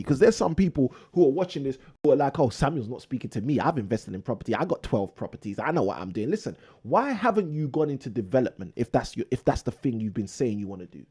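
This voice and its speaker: A man's voice: fairly high pitch, mellow, breathy edge. A man hosting a live property investing show, delivering a preachy motivational monologue that repeats phrases for emphasis.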